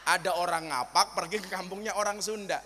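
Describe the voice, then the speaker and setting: A man's voice: high voice, fairly even intonation, fairly quick, bright, forceful tone. A man with a Javanese accent preaching a humorous sermon to a crowd, joking and telling stories as he switches between dialects. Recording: long hall reverb.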